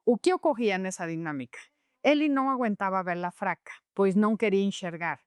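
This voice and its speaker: A woman's voice: medium pitch, fairly quick, clean tone, no room sound, studio quality. A woman teaching about personality types in a podcast conversation, explaining patiently and illustrating points with real cases. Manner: explanatory, tells cases with acted quotes. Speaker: Enneagram teacher.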